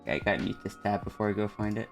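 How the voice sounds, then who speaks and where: A man's voice: on the low side, very fast, gravelly, soft background music. A man streamer chatting casually, hesitant and polite, often restarting his sentences. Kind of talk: casual chat on a group stream.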